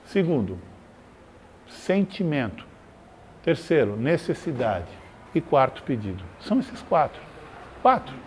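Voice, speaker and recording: A man's voice: measured pace, pauses often, slight background noise. A man, a psychologist, giving a conversational live talk to a small group, acting out examples as he explains. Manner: animated, conversational, acts out examples with swings in pitch. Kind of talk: live lecture to a small audience. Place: community meeting room.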